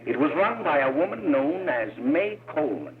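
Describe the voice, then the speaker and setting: A stern 1930s anti-drug lecturer. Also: male voice, on the high side, very animated, moderate pace. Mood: grave. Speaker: lecturer addressing a meeting in an old film. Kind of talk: 1930s film acting. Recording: tinny old film soundtrack, crowd behind.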